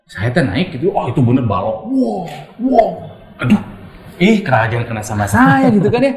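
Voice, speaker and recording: A man with a Sundanese accent, telling a lively story in an interview, laughing often and acting out the voices of the people he quotes. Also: fairly high pitch, moderate pace, roomy sound, a crowd in the background. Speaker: supporter leader telling a story.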